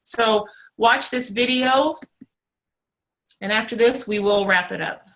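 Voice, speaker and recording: An earnest woman in her forties presents a motivational talk on a call, leaning on repeated phrases. Her voice is bright and forward, set a little high. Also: slow, rough recording.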